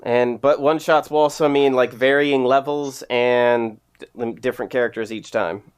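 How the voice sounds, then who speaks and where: A man's voice: medium pitch, fairly even intonation, moderate pace, clear, resonant tone. Laid-back man running a tabletop game. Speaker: game master. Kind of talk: casual chat planning a tabletop game. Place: home, streaming online.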